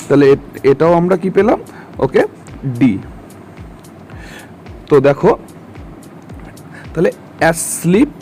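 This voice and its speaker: A male literature teacher walks through a lesson step by step, pausing often to check that his students follow. His voice sits a little high but sounds mellow and relaxed. Soft music plays faintly underneath. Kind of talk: explanatory lesson. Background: faint background music.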